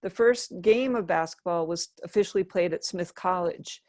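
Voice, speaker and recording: A woman's voice: fairly low pitch, normal speed, darkish tone, no room sound, studio quality. A middle-aged woman from Western Massachusetts, chatting and laughing as she tells stories in an interview. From Western Massachusetts, USA. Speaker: interview guest. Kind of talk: casual storytelling.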